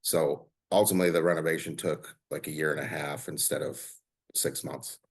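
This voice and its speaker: A man in his forties, a podcast guest speaking casually, pausing and searching for words. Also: extremely low pitch, fairly even intonation, creaky, husky. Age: 40s.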